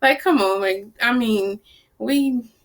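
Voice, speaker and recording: Animated New woman telling stories. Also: on the high side, takes it slowly. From New Orleans, US South. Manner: animated storyteller, acts out quoted people, blunt and salty. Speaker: vlogger. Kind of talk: casual chat to camera.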